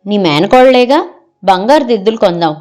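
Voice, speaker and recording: In a mid-range, darkish, natural voice, a woman reads the part of a proud, easily exasperated middle-aged husband in an audio story. At normal speed and animated, he coaxingly offers one gift idea after another, with faint music behind.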